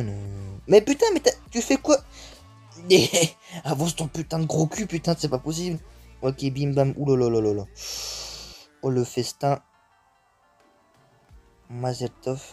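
Excitable young man narrating his gameplay. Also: mid-range voice. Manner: excitable, swears often, mixes English exclamations into French. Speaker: gaming YouTuber. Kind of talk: live gameplay commentary.

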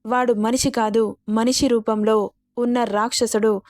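A woman voicing a defiant young wife who speaks in a sharp, accusing way in a storybook reading. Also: fairly high pitch, level tone, measured pace, no echo, natural voice. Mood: bitter, accusing. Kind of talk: storybook narration.

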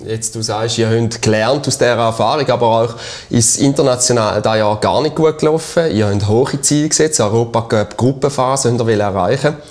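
A man's voice: medium pitch, normal speed, a little mellow. A man in his thirties with a Swiss accent, interviewing as host of a sports show in a studio. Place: small TV studio. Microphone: lapel.

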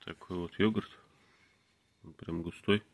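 A man filming himself tasting groceries in a room, talking calmly in short, clipped phrases into his phone camera. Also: low-pitched, unhurried, slight background noise. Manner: calm, terse, speaks in short clipped phrases. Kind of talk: casual food-tasting vlog. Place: indoors, in a room in a city. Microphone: phone camera held by the speaker, who stays off screen.

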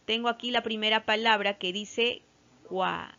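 A woman's voice: a little high, a bit bright, dull audio. A woman teacher with a Peruvian Spanish accent, giving a patient online lesson to young children and often checking in with "¿ya?". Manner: slow, patient, with frequent "¿ya?" check-ins. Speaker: primary school teacher.

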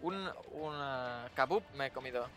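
A man giving excitable, jokey let's play commentary, swearing freely. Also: mid-range voice, normal speed, soft background music. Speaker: streamer.

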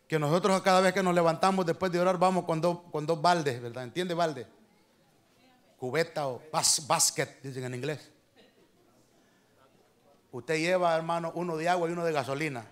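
A man preaching a sermon as pastor to his church, talking conversationally and calling his listeners brother, swinging from soft asides to loud emphatic lines. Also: fairly high pitch, normal speed, long pauses. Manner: conversational preaching, often addressing "hermano".

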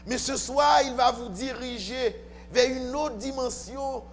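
A pastor with an extremely high-pitched voice preaches a sermon slowly to his congregation, speaking emphatically and often posing questions. He uses a handheld mic in a church, filmed from a far camera, and the hall's reverb carries faint music.

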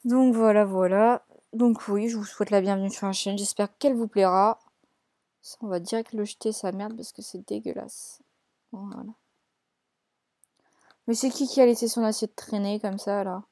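A woman's voice: medium pitch, steady tone, moderate pace, mellow, no room sound, clean studio sound. A young woman hosting a let's play, chatting casually and teasing the characters she plays, with frequent hesitations. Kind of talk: casual gameplay commentary.

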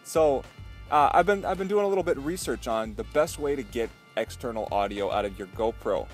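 A man's voice: medium pitch, lively intonation, a little fast, faint music behind. A young man talking casually to camera in a vlog, chatty and enthusiastic, with lots of fillers. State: out of breath. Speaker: vlogger. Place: echoey basement; outdoors by a stream. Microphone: headphone mic into GoPro; handheld lavalier clip mic.

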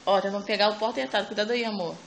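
A woman's voice: medium pitch, steady tone, rapid-fire, creaky, slight background noise. A Brazilian Portuguese-accented mother vlogging at home on a phone, chatting to viewers and cooing at her baby. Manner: chatty, keeps calling viewers "family", coos at her baby. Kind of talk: casual home vlog. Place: family home.

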